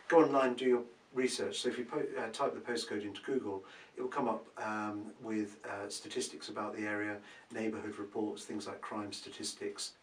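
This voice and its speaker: Man giving property advice from a distance. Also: fairly low pitch. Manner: relaxed, thinks aloud with many ums and uhs. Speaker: property expert answering viewer questions. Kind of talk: casual advice Q&A. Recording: roomy, from a distance, faint background hum.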